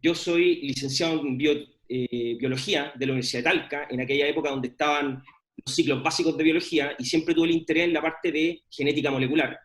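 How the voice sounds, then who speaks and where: A man's voice: fairly high pitch, steady tone, brisk, fairly bright tone. A middle-aged man, giving an informal presentation of his research with many fillers and restarts. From Chile. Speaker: scientist presenting his work.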